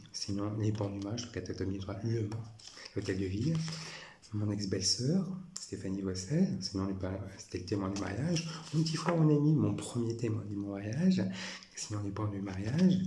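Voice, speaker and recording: A man's voice: on the low side, echoey room, noisy background. A man in his forties from France, talking through personal photos in a rambling, repetitive monologue. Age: 40s. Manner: repetitive, says "voilà" constantly.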